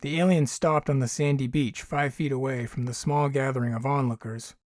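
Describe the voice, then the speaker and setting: A man narrating his own short story as an audiobook, in a measured storytelling delivery. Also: medium pitch, steady tone, darkish tone, no echo, studio quality.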